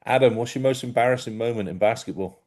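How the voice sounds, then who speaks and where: A man interviewing podcast guests, friendly and quick to laugh. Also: mid-range voice, a little mellow. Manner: friendly, laughing, prompting questions. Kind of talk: casual interview.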